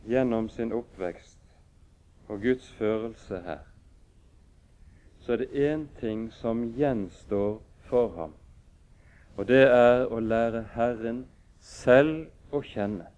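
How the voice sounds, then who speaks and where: A man preaching a sermon and reading scripture aloud in a measured, solemn way with pauses. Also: medium pitch, darkish tone. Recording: dull lo-fi recording.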